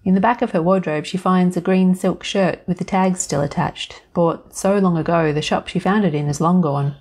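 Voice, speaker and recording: A woman storyteller reading scripted narration in a calm, measured and gently wry manner. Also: fairly low pitch.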